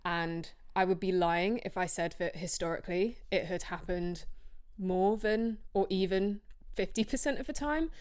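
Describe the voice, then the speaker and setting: A young woman chats into her podcast microphone in a loose, rambling way, often poking fun at herself. Her voice sits a little low and sounds smooth and clear. She is tired from a short night's sleep. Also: normal speed, a little mellow. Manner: chatty, rambling, self-deprecating. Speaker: podcast host. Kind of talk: casual solo podcast chat.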